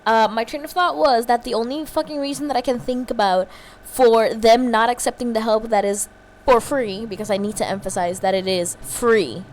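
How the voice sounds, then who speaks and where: A woman's voice: on the high side, fairly even intonation, moderate pace, a little hiss or hum. Emphatic, profane woman streamer from Puerto Rico. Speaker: let's-play streamer. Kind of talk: casual chat over gameplay.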